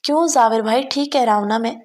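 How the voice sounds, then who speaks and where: A woman's voice: fairly high pitch, a little mellow, lightly acted. A woman voicing a mischievous young man who plays pranks at a wedding. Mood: teasing. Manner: mischievous, scheming asides. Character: teasing young man, a playful prankster cousin.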